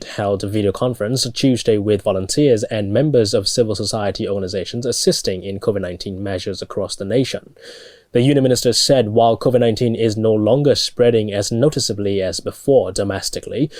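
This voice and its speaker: A young man with a Burmese accent anchors a news bulletin. His voice sits a little low as he reads scripted reports. The studio sound is very dry, with no room echo. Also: darkish tone. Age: young adult.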